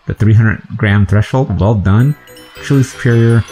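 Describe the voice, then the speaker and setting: A man voicing a formal, encouraging male slug professor from a video game, speaking slowly and stately. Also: lowish voice, dark tone, close to an everyday voice, rough recording. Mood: praising.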